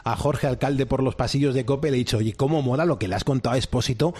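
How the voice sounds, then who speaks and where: A man from hosting a late-night radio show, lively and quick to laugh. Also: medium pitch, breathy edge. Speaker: radio host.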